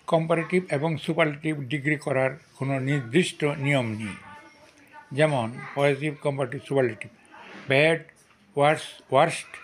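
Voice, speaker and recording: Man, bengali accent, slow measured grammar lesson, slightly high voice, repeats each rule. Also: slight background noise. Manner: reads each rule twice, then lists word forms one by one. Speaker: English grammar teacher.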